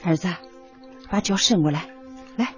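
In a radio drama, a woman plays a careworn, devoted middle-aged mother, speaking earnestly, plaintively, and homely, in a tender, grave mood. Her voice is on the low side at normal speed, only lightly acted, and the recording is dull with a music bed beneath.

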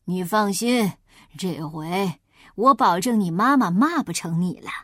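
A woman voicing a hungry, sly father wolf in a storybook reading, talking low and matter-of-fact as he coaxes his prey. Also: lively intonation, unhurried, a bit bright, no echo, studio quality. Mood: coaxing.

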